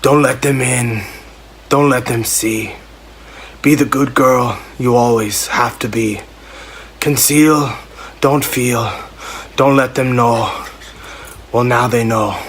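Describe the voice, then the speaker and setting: A grim, brooding northern swordsman speaks through a voice filter, with a man putting on the voice. He recites slowly and gravely in an even register. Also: medium pitch, slight background noise. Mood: solemn.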